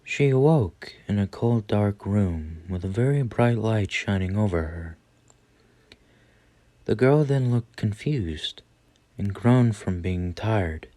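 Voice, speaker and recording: A man's voice: fairly low pitch, a little mellow, no echo. A man narrating a scripted horror story as its storyteller.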